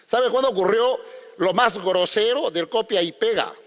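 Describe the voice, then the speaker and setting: A man's voice: high voice, normal speed, long reverb tail. A man, a lawyer giving a conference talk, combative and full of rhetorical questions. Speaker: lawyer speaking at a legal conference.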